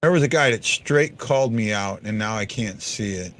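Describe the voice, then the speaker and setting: On a casual hockey fan livestream, a man in his fifties answers comments from viewers, blunt and given to repetition. He talks at normal speed in a lowish, slightly bright voice.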